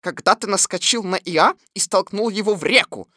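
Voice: medium pitch, normal speed, bright, forceful tone, no room sound, clean studio sound, voice pushed up. A reader doing a fussy solemn rabbit. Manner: reasoning, solemn, bossy. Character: fussy, self-important male rabbit.

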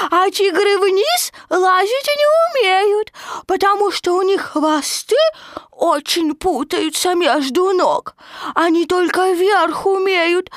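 A woman voicing an excited little male baby kangaroo who chatters eagerly. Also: very high-pitched, no echo, clean studio sound, voice pushed up, full character voice.

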